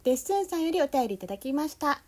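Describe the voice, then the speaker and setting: A young woman with a Kansai accent hosting a relaxed solo talk show, meandering along with plenty of fillers. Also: high voice, rapid-fire. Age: young adult. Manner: easygoing, meandering, full of fillers. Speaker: podcast host.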